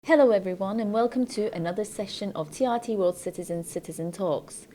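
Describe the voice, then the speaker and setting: A woman's voice: medium pitch, fairly quick, warm tone. A woman hosting a podcast interview, asking questions with hesitant restarts. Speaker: podcast host.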